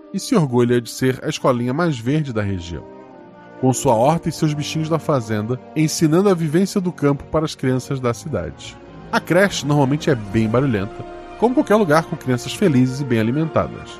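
A man with a Brazilian accent hosting a story game podcast, narrating as game master. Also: mid-range voice.

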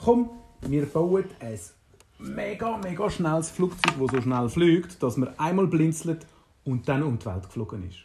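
A woman's voice: deep voice, expressive, normal speed, background noise. A woman with a Swiss German accent voicing a cheerful, knowing little male robot, stretching her words in a bouncy way. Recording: roomy, echoey.

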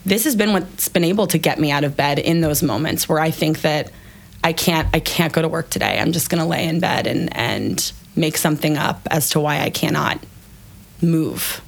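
A woman's voice: low voice, normal speed, gravelly. A woman founder, a podcast guest, telling her personal story candidly and with emotion, swearing casually now and then.

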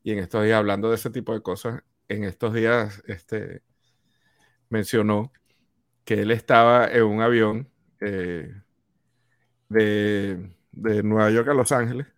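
A man's voice: fairly low pitch, fairly even intonation, unhurried, long pauses, dry recording, clean studio sound. A man, co-hosting a podcast and telling a casual anecdote, sometimes losing his thread and correcting himself. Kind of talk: casual chat.

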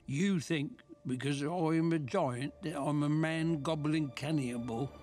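A man playing a big, gentle, friendly giant in a film, speaking in a deliberate way. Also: on the high side. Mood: gentle, amused. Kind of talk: film dialogue. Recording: film clip with loud music behind. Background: loud film music.

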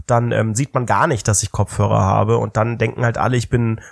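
A man's voice: on the low side, little pitch movement, fairly quick, gravelly, dry recording, studio quality. A young man co-hosting a podcast in casual chat, rambling and searching for words as he talks. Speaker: podcast co-host.

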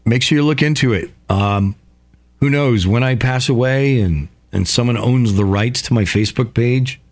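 A male radio host talking in a casual monologue, profane, excitable and rambling. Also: medium pitch, normal speed.

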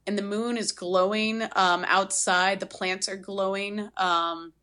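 A woman's voice: mid-range voice, slow pace. A woman casually recapping a horror film on a podcast, rambling with lots of fillers. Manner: rambling, filler-heavy, animated retelling. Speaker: podcast co-host.

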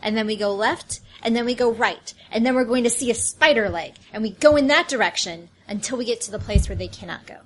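A woman's voice: a little high, brisk, few pauses, fairly bright tone, slight background noise, rough recording. A woman playing a tabletop role-playing game, speaking in a dry, matter-of-fact way. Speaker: player.

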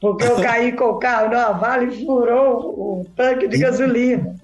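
Give me a woman, animated and acting out dialogue, recorded in an echoey room. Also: on the high side, unhurried, crowd noise. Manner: lively, animated, acts out quoted dialogue. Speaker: podcast guest. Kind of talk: casual storytelling. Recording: echoey room, slightly dull sound.

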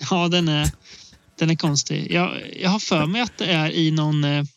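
A man with a fairly high voice talks in a relaxed way, laughing often and pausing with "eh". The sound is dry and close, with a dull, lo-fi quality. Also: creaky, no room sound. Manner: relaxed, laughs a lot, many hesitations. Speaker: podcast co-host. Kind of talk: casual film podcast chat.

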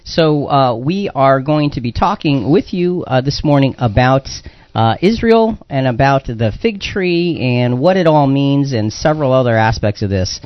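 On dull, lo-fi radio audio with a dry recording, a male host with an expressive mid-range voice leads a live religious talk discussion at normal speed. He explains points in a conversational way, repeating phrases to stress them.

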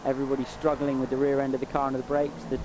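A man's voice: medium pitch, monotone, rapid-fire. A man giving conversational live motorsport commentary and analysis on a race. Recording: loud engine noise behind.

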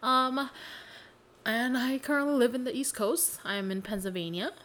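In a relaxed podcast conversation, a young woman co-host talks at normal speed in a fairly high, somewhat bright voice. Her style is loose and teasing, often poking fun at herself.

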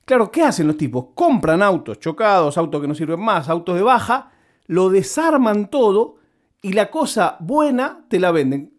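A man's voice: high-pitched, big pitch swings, normal speed. A man with an Argentine Spanish accent, telling a story in a casual monologue and repeating words for comic effect.

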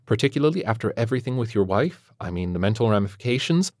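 A man's voice: on the low side, very animated, fast, darkish tone, dry recording, studio quality, pitched above the performer's own voice. A man voicing a prim, passive-aggressive female kindergarten teacher with a sugary, condescending manner. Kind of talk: audiobook character voice.

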